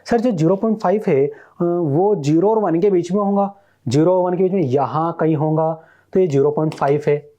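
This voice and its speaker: A man's voice: on the high side, moderate pace, warm tone, lightly acted. A man voicing an eager male student who answers his teacher politely, calling him sir. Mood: answering.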